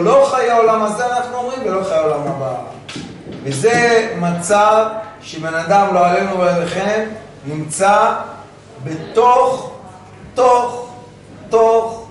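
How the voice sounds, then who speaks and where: A man giving an animated sermon as a rabbi, firing rhetorical questions and acting out little dialogues. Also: high voice, slight background noise. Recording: very echoey room, voice from far off.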